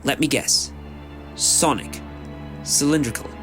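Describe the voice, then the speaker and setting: A man's voice: mid-range voice, takes it slowly, music in the background, lightly acted. A man playing a cocksure, eccentric time-travelling adventurer in a fan audio drama, with a flippant, theatrical manner. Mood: knowing, intent.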